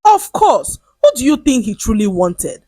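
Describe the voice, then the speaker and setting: A woman's voice: fairly high pitch, sing-song, a little slow, dark tone, no echo, pitched above the performer's own voice. A woman voicing a proud young woman who brags that a man begged to marry her. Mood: boastful. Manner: boastful and haughty.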